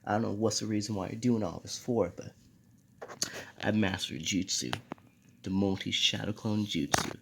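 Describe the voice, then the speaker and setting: A man doing a brash, excited young ninja boy, gravelly. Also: fairly low pitch, normal speed, long pauses, a little hiss or hum. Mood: cocky.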